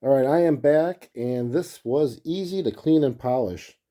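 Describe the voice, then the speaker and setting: A man's voice: mid-range voice, unhurried, dark tone. A man talking casually and thinking aloud as he presents a hands-on look at a gadget, in an easygoing, unscripted way. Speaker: collector presenting a gadget review.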